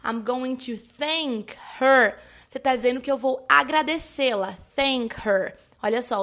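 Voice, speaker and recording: Chatty Brazilian woman teaching, slightly high voice. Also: fairly bright tone. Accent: Brazilian Portuguese. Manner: chatty, addresses listeners as "gente", frequent "né?" and "tá bom?"; models English words slowly and carefully. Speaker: English teacher and podcast host. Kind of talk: casual explanatory lesson.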